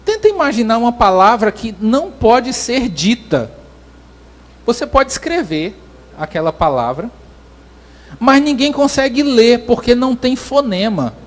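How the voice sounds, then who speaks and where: A man's voice: extremely high pitch, sing-song, a little slow. A man pastor, preaching a sermon in an explanatory way and often restarting his phrases.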